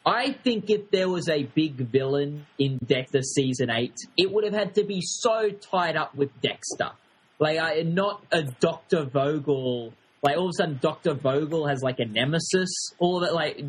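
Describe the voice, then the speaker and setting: A man co-hosts a casual podcast, weighing in with dry criticism. He speaks hesitantly and often restarts his sentences. His voice is husky and a little high. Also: normal speed. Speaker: podcast co-host. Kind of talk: casual review chat.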